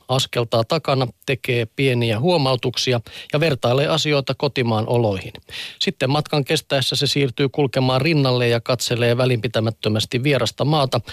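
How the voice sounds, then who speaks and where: A man reading magazine excerpts for a radio press review in a calm, measured way, with wry asides. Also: mid-range voice, no room sound, clean studio sound.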